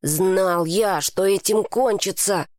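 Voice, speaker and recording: A woman's voice: mid-range voice, slow, darkish tone, no echo, clean studio sound, lightly acted. A woman doing a furious resentful boy. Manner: hissing, accusing. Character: angry scared boy, fierce and resentful.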